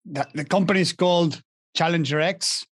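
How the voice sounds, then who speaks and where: A man's voice: fairly high pitch, normal speed, no room sound, clean studio sound. A young man from Argentina, a guest in a casual interview, speaking with many restarts and fillers. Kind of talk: casual interview over a call.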